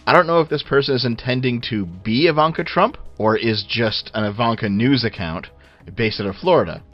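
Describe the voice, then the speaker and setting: A man swears his way through casual, blunt, sardonic video commentary. The recording is low quality, muffled and at a low sample rate.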